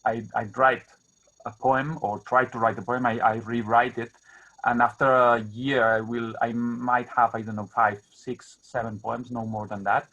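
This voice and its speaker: A man with a Catalan accent speaks halting, non-native English, searching for words and repeating himself as he talks informally about his writing. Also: mid-range voice, little pitch movement, a bit bright. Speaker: guest poet. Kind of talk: informal talk about own writing at an online book launch. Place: remote video call. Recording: dull, muffled video-call audio.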